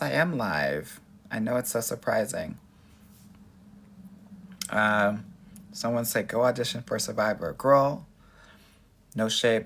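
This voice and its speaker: A dating coach from Los Angeles, United States, hosts a casual livestream and answers viewers with the sassy, effusive familiarity of a girly best friend. His voice is lowish and gravelly, with a fairly bright tone.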